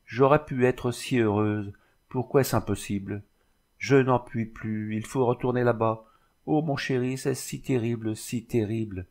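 A man voicing a dying young woman who speaks in a faltering, breathy plea. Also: mid-range voice, steady tone, measured pace, a little mellow, natural voice. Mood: despairing.

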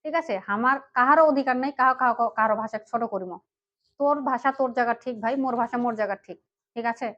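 Woman vlogger, northern Bangladeshi dialect, earnest, pitched a bit high, muffled lo-fi sound. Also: fast talker, a bit bright. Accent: Panchagarh northern Bangladeshi dialect. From Panchagarh, northern Bangladesh. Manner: earnest, keeps asking "right?" to the viewers. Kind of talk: direct-to-camera talk.

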